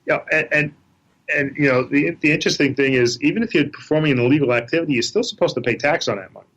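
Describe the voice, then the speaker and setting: A man's voice: a little high, quick pace, a bit bright, dull audio. A man speaking as an accountant guest on a podcast, hesitant and full of fillers. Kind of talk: casual interview chat.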